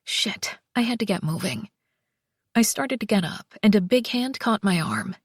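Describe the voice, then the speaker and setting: Breathy woman reading a romance. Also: medium pitch, expressive, no echo, clean studio sound. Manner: soft, slow, breathy delivery with whispered passages. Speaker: audiobook narrator. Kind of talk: first-person romance audiobook narration.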